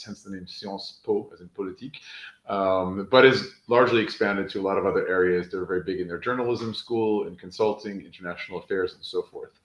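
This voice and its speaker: An American man with a lowish voice explains things in a relaxed, fluent way. His voice carries a noticeable room echo, as if he were on a video call from a bare room. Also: muffled recording. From United States. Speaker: panel speaker, former student affairs officer. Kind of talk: webinar panel talk. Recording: roomy echo.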